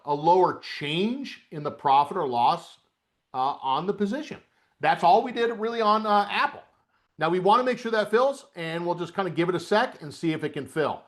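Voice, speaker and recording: A man's voice: high-pitched, moderate pace. A middle-aged man coaching a live webcast lesson on options trading, chatty with folksy asides. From upstate New York, US. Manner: chatty, lively, folksy asides while walking through a trading screen.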